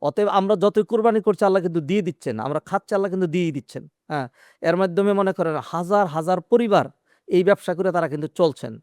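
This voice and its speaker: A man, an Islamic scholar answering questions in a measured, explaining way with hesitant fillers. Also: high-pitched, a little mellow, no echo, clean studio sound. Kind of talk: religious Q&A interview.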